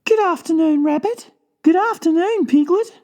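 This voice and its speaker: A man voicing a polite, brisk mother kangaroo, prim and motherly, in a dramatized storybook. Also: extremely high pitch, a little mellow, voice pushed up.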